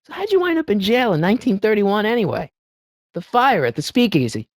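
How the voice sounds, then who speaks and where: In animated video game voice acting, a teenage boy plays an excitable, good-hearted adventure hero, speaking a little fast in a high voice. His lively delivery rises and falls with little stammers and a note of disbelief, and he sounds concerned and eager. There's no echo; it's recorded completely dry.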